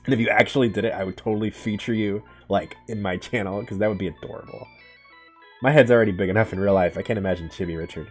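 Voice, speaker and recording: A man's voice: lowish voice, fast talker, husky, faint music behind. A man hosting a let's play of a visual novel, reading the story aloud dramatically and adding joking asides. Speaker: gaming channel host.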